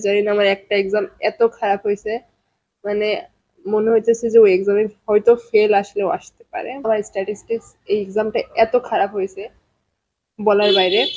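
A woman's voice: fairly high pitch, mellow. Chatty young woman vlogging. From Bangladesh. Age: young adult. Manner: chatty, mixes English words, nervous then wry. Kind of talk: casual vlog chat.

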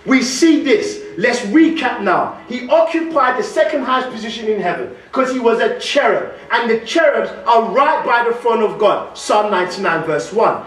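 With few pauses and a moderate pace, a young man from England's West Midlands preaches in a very high-pitched voice as a guest speaker. He calls out questions to the congregation and gestures broadly at the pulpit. A pulpit stand mic and a far camera record roomy echo in the large church hall.

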